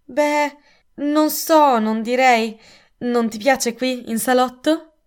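A woman reading aloud and voicing a stiff, indignant elderly English colonel with a gruff, pompous manner. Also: high voice, steady tone, slow pace, voice pushed up. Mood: hesitant.

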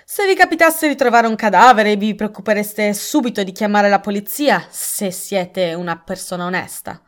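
A woman reading aloud and voicing a stiff, indignant elderly English colonel with a gruff, pompous manner. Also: medium pitch, animated, moderate pace, close to an everyday voice.

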